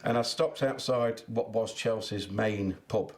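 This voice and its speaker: A man's voice: on the low side, unhurried. A man, a charity cyclist chatting as an interview guest and laughing as he tells stories. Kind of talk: interview chat.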